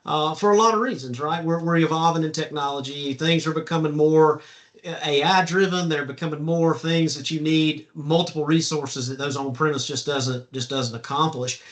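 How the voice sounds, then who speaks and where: A man's voice: on the high side, fairly even intonation, moderate pace. A man hosting a casual business interview, friendly and upbeat, often repeating words as he talks. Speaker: interview host.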